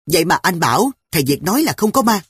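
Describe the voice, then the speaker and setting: A storyteller voicing a timid young girl who whines and pleads in a high, wavering voice. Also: very animated, fast, fairly bright tone, breathy edge, no echo, studio quality, full character voice. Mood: needling. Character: frightened little girl, the narrator's younger sister. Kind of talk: audiobook character voice.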